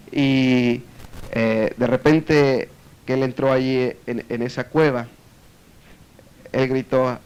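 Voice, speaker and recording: A man preaching a sermon, telling a story and acting out echoes, often checking in with his listeners. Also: mid-range voice. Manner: storytelling, acts out echoes, frequent tag questions.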